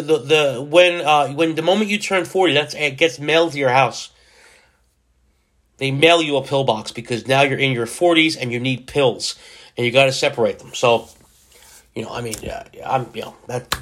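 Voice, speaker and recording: A man's voice: medium pitch, a bit bright. A man in his forties hosting a solo podcast, rambling and self-mocking as he jokes his way through his thoughts. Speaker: podcast host.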